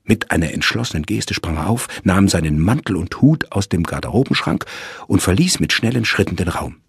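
A man narrates a crime audiobook with measured storytelling. His voice is low and creaky, with a husky grain. The recording is dry and close. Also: lively intonation, no echo.

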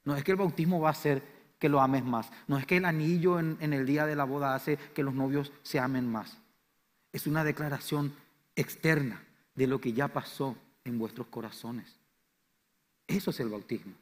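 A man with a Paraguayan Spanish accent preaching a sermon as pastor, swinging between loud, fervent declarations and quiet, low lines. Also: fairly even intonation, normal speed. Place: church sanctuary. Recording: church hall reverb.

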